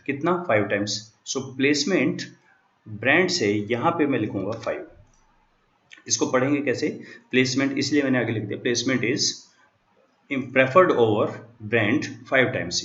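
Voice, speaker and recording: Male lecturer, walks through each step patiently, mid-pitched voice, echoey, slightly dull recording. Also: fairly bright tone. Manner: explains step by step, mixing English terms into Hindi. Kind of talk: classroom lecture. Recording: echoey room, dull lo-fi sound.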